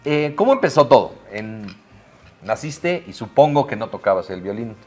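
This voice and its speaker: A man hosting an interview show in a relaxed, chatty way with plenty of fillers. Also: medium pitch, normal speed, a little hiss or hum. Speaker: host.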